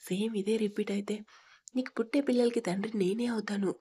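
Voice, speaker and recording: A woman voicing a possessive, domineering young husband in a storybook reading, stern and threatening, with a husky tone. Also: medium pitch, steady tone, fast talker, mellow, close to an everyday voice. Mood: menacing.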